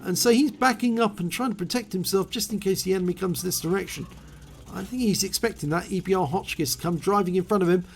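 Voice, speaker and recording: A man with a hoarse voice after a cold, calmly explaining and calling the play in a video game replay. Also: high-pitched, quick pace, a little hiss or hum.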